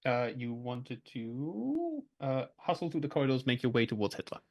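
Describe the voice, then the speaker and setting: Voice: medium pitch, big pitch swings, moderate pace. A game master casually running a tabletop game, with a wry, bantering manner.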